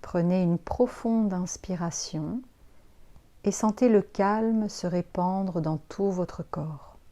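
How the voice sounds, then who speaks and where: This yoga nidra instructor guides a relaxation meditation in a slow, mellow, lowish voice. She speaks unhurriedly, giving soothing directions with pauses in between.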